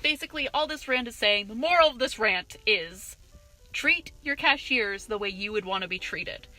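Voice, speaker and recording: Young woman ranting in a bright voice. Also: mid-range voice, normal speed, soft background music, poor audio. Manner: profane, indignant, animated retelling. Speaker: vlogger, cashier. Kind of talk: ranting vlog storytelling.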